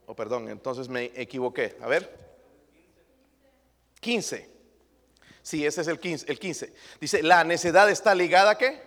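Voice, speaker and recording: A man's voice: mid-range voice, big pitch swings, takes it slowly, pauses often, a bit bright, big-room sound. A male pastor preaching a sermon emphatically, throwing rhetorical questions at his congregation.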